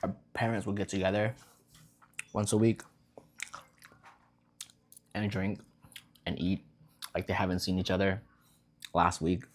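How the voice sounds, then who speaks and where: A young Vietnamese-raised vlogger eats at home and chats in a relaxed, meandering way. His low voice is level and a little slow, he pauses often, and a faint hiss or hum can be heard.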